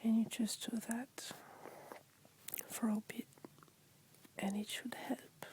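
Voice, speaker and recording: A woman with a French accent in whispered ASMR talk, gently explaining things in simple words. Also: on the high side, level tone, takes it slowly.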